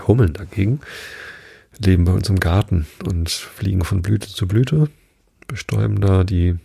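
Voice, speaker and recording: Man, storyteller, casual then reading aloud, dark mellow tone, husky, dry sound. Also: deep voice, no room sound. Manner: relaxed and chatty, with fillers and self-corrections. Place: at home, by a window onto a garden.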